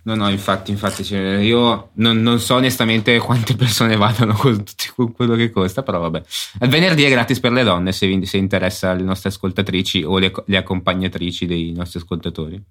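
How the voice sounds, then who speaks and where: A man chatting casually as a podcast co-host, halting and often repeating himself. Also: fairly low pitch, fairly even intonation, a bit bright. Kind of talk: casual chat.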